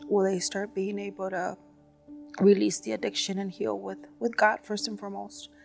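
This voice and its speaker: A woman's voice: medium pitch, level tone, normal speed, gravelly, soft background music. A woman telling her personal faith testimony in an earnest storytelling way. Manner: earnest storytelling, frequent "you know". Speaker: testimony speaker.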